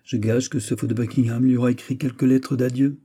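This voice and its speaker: A man reading aloud, voicing a gentle, calm queen mother in her later years. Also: mid-range voice, a little fast, husky, pitched above the performer's own voice, close to an everyday voice. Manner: soft, gently teasing.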